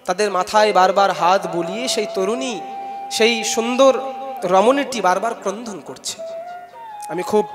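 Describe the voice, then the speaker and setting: Bengali guy doing a scripture talk, really high voice, chants sanskrit then explains, music going behind, echoey hall. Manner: chants Sanskrit verses loudly, then explains them conversationally; urges the audience to call out responses. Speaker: Bhagavat katha preacher. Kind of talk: devotional scripture discourse. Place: large festival gathering hall.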